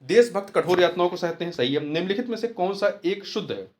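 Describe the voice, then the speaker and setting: A man's voice: sits high, animated, fast, darkish tone. A man tutoring through a Hindi test paper, explaining each answer step by step and repeating the key words. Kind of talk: test-paper walkthrough lesson.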